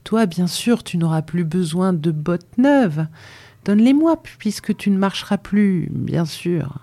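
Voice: medium pitch, animated, a little slow, mellow, dry recording. A reader voicing an awkward young male coachman who asks hesitantly for a favor, in an audiobook. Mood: wheedling. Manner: hesitant, wheedling. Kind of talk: audiobook character reading.

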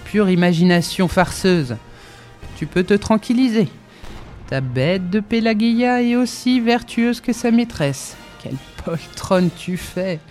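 A woman's voice: medium pitch, expressive, takes it slowly, darkish tone, faint music behind. A woman voicing a teasing, self-assured male deputy prosecutor who mocks his wife. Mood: mocking. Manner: mocking, condescending.

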